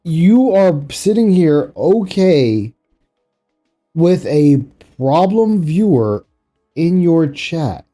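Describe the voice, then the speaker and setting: A man's voice: on the high side, big pitch swings, very slow, dark tone, faint music behind. A man streaming, commenting sarcastically and incredulously on an interview clip he is playing. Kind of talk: reaction commentary.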